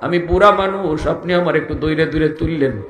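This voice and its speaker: A man's voice: fairly high pitch, moderate pace, fairly bright tone, lightly acted. Frail, imploring old woman, put on by a male preacher. Echoey sermon sound.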